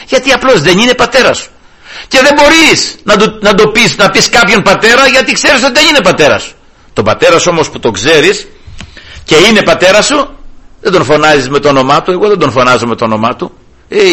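Lively, bright-voiced preacher man. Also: high-pitched, slightly rough. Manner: emphatic, rhetorical questions, swings from loud to hushed. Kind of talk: sermon.

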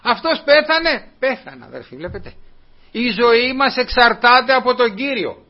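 High-voiced earnest man preaching. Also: sing-song. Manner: earnest, repetitive, addresses listeners as brothers. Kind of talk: sermon. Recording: dull lo-fi recording.

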